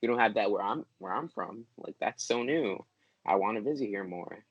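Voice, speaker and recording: A young man talks eagerly about his city over a video call, repeating phrases and acting out what people say. His voice is fairly low and sounds close and dry. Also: animated, normal speed, slightly rough, no room sound, dull audio. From New York City. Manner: eager, repetitive, quoting others. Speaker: mentee. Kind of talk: casual video-call conversation.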